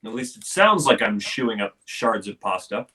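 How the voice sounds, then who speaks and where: A man's voice: fairly low pitch, sing-song, normal speed, bright, forceful tone, far from the mic. A man doing a magic trick on a video call, chatting casually with many fillers. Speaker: magician guest.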